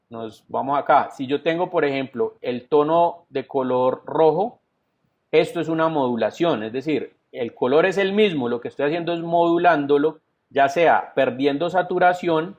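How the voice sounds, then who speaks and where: A man with a Colombian Spanish accent teaching a virtual class, explaining step by step and often checking in with the students. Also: fairly high pitch. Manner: explanatory, frequent "entonces" and checks like "¿sí?". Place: home or office, video call. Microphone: computer mic on video call. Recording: dull lo-fi online class audio.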